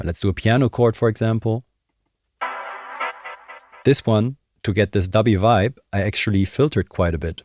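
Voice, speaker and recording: Music and drum samples play as a young adult man, a music production tutor, gives a casual, explanatory tutorial, thinking aloud. He's in a small indoor home studio at a close desk microphone, wearing headphones. His voice is fairly low and darkish, without echo.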